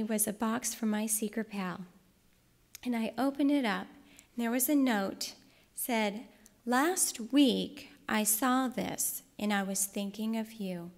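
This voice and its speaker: A woman giving a heartfelt personal testimony and devotional teaching, telling her story in an earnest way. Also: mid-range voice. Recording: long reverb in a large hall.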